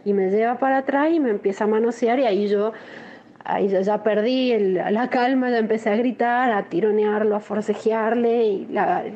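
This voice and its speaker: A woman with a Rioplatense Spanish accent gives a shaken, halting first-person testimony, often restarting her sentences. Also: on the high side, highs cut off, a little hiss or hum. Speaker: interviewee recounting an assault.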